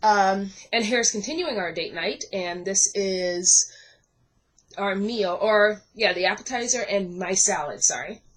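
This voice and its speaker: A woman's voice: mid-range voice, measured pace, rough recording. A young woman from the Bahamas, casually walking through her scrapbook pages at a craft desk at home, chatty with many ums and self-corrections. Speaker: scrapbooking vlogger. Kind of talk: casual show-and-tell walkthrough.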